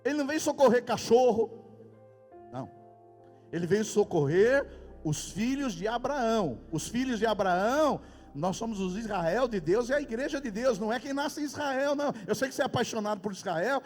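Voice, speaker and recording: A pastor with a Brazilian Portuguese accent, preaching emphatically in a church hall with sudden loud outbursts. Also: male voice, very high voice, lively intonation, fairly quick. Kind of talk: sermon. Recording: reverberant hall with faint music. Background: faint music.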